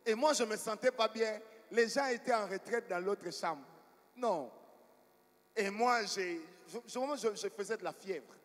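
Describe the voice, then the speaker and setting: A high-pitched male preacher, telling stories from the pulpit and drawing replies from the congregation. His voice rings through a large church hall with a long reverb tail. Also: normal speed, hardly any pauses, a bit bright. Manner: storytelling preacher, asks the congregation for responses. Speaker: pastor. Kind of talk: sermon.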